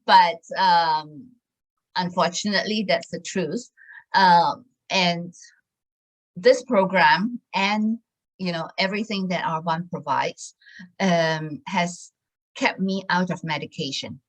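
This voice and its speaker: A woman's voice: lowish voice, takes it slowly, low-quality recording. A woman in her sixties giving a casual sales talk about a wellness program, hesitant and full of fillers and restarts. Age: 60s. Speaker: wellness product presenter.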